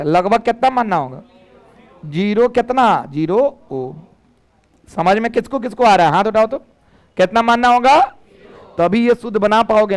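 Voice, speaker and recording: A man's voice: high-pitched, clear, resonant tone. A male physics teacher, giving a lecture and coaxing students to call out answers. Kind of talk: classroom lecture.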